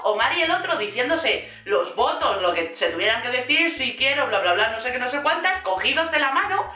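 Sarcastic Spanish woman gossiping about TV. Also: high voice. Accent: Spain Spanish. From Spain. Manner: sarcastic, animated, acts out quotes. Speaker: YouTuber recapping a reality show. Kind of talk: casual gossipy show recap. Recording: roomy echo, faint music.

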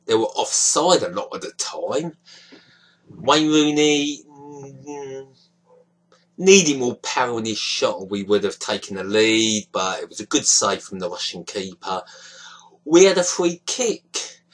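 Sitting in a small dim room close to his webcam, a young man talks through a disappointing football match, visibly frustrated and gesturing heavily. He speaks a little slowly in an expressive mid-range voice, and the audio is poor.

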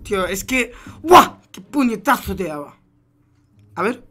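A young man with a Spain Spanish accent, a gaming YouTuber reacting to gameplay, muttering low one moment and yelling loud, profane hype-caster calls the next. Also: very animated, unhurried, soft background music. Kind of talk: excited gameplay reaction commentary.

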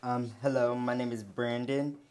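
A male student reads a prepared question into a radio mic. His delivery is flat and mid-pitched, under very loud noise and clicks. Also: normal speed. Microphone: hand-held radio microphone. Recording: very noisy radio room audio, clicks.

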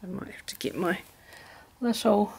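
A middle-aged woman with a New Zealand accent, chatting casually at home as she plans, relaxed and full of ums. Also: medium pitch, normal speed, vocal fry, a little hiss or hum. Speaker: planner vlogger. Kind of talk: casual craft chat. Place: home room.

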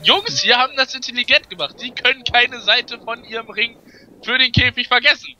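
A man's voice: very high voice, fairly quick, pushed and bright, slight background noise, poor audio. A man doing sarcastic, joking mock wrestling commentary. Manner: sarcastic, jokey.

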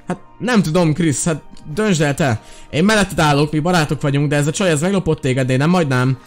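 A young man doing energetic let's-play commentary as a gaming YouTuber, excitable and shouting when the game gets tense. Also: fairly high pitch, soft background music.

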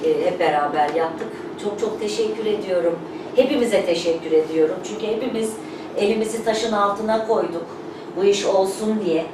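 A woman's voice: mid-range voice, moderate pace. A woman hosting an event, giving an informal thank-you speech in an earnest, emphatic, repetitive way. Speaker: company representative hosting a showroom opening. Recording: echoey room, distant mic, noisy background.

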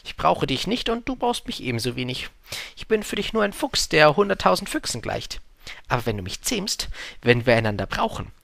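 A man voicing a talkative, wistful male fox in an audiobook, speaking up with a lively, pleading tone. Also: fairly high pitch, a little fast, creaky, no room sound, clean studio sound, voice pushed up, exaggerated voice. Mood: earnest. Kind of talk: audiobook reading.

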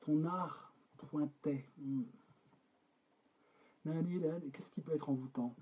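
A French songwriter leads a live collaborative session, writing a song on the spot by singing draft lines over guitar. He then breaks off to talk quickly and softly with the chat about syllable counts. His voice is fairly high and steady with a breathy edge.

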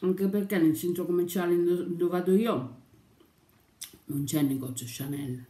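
A woman's voice: lowish voice, steady tone, normal speed, dark tone. A young woman chatting casually on her vlog over breakfast, rambling and sometimes talking with her mouth full. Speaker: YouTuber. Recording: echoey room.

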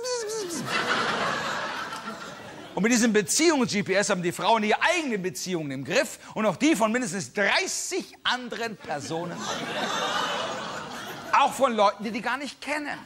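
Guy doing stand-up, high voice, jumps all over the place, does the other people's lines, faint hiss. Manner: animated storyteller, acting out people's lines, buzzing noises. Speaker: stand-up comedian. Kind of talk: live stand-up comedy monologue. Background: audience laughter.

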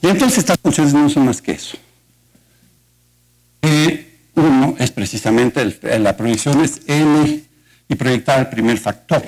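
A man's voice: medium pitch, animated, a little slow, pauses often, a little mellow, rough recording. Mexican man giving a math lecture. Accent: Mexican Spanish. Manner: explanatory, conversational, asks the audience rhetorical questions. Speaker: mathematics lecturer. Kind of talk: university colloquium lecture. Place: lecture auditorium.

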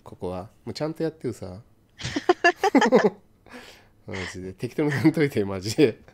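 A man's voice: mid-range voice, huge pitch swings, normal speed, crowd noise. Teasing man playing a horror game. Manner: teasing, bossy banter. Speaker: game let's play host. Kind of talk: casual gaming chat.

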